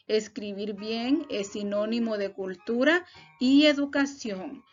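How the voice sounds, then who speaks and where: A woman teacher, giving a recorded spelling lesson to students with careful, example-led explanations. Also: a little high. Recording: dull lo-fi recording with faint music.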